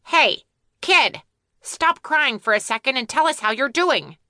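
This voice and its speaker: Brief: high, bright bossy male squirrel for a kids' audiobook, voiced by a woman. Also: lively intonation, unhurried, no echo, clean studio sound, full character voice. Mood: brusque. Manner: bossy, scolding. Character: gruff scolding male squirrel. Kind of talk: children's audiobook character voice.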